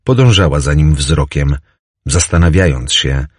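A man narrates a novel in a measured, descriptive way. His voice is very deep and husky, and his pitch moves in a lively, varied way. The recording is dry and close. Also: no echo. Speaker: audiobook narrator.

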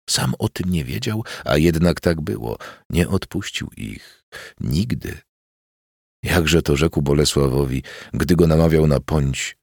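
A man narrating a historical novel in a measured, grave reading. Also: very deep voice, vocal fry, breathy edge, no echo, clean studio sound. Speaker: audiobook narrator.

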